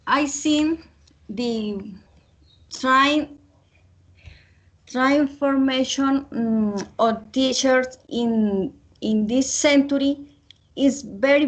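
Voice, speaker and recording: A woman's voice: high-pitched, extremely slow, long pauses. A woman student giving a hesitant practice speech in English over a video call, with many fillers and repeated words.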